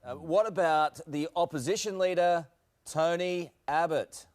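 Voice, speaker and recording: A man's voice: on the high side, a little slow. A man presenting on television, doing a light-hearted interview.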